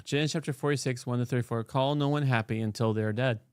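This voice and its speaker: A man streaming a game, chatting casually and reading scripture aloud with animated, joking asides. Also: mid-range voice, quick pace, clear, resonant tone, no echo.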